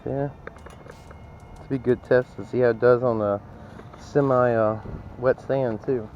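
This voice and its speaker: A man's voice: medium pitch, fairly even intonation, measured pace, darkish tone, lo-fi sound, faint music behind. A man vlogging as he metal detects on a sand beach at dawn, chatting to viewers and often exclaiming. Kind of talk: casual narration to camera while detecting.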